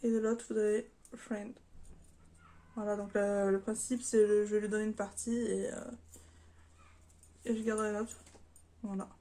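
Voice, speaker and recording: A woman's voice: mid-range voice, little pitch movement, normal speed, pauses often, mellow. A French woman chatting casually in an unboxing vlog, hesitant and full of fillers, apologizing now and then. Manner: chatty, hesitant with many fillers, self-deprecating. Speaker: vlogger.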